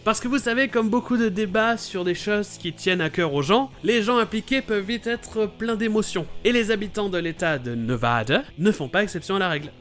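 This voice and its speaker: A man hosting a playful scripted explainer about English vowel sounds, talking with lively enthusiasm. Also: high-pitched, a little fast, few pauses. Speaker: YouTube host explaining English pronunciation.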